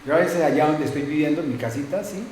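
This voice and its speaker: A man's voice: on the high side, fast, a little mellow, slight background noise. A middle-aged male pastor preaching a sermon conversationally, with frequent tag questions and acted-out anecdotes. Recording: very echoey church room.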